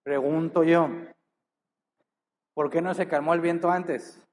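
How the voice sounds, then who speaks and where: A man's voice: on the high side, fairly even intonation, a little mellow, slight background noise. A male pastor preaching a sermon, reading scripture aloud and then pressing the listeners with rhetorical questions, leaning into key words. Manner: earnest, drawn-out emphasis with many rhetorical questions.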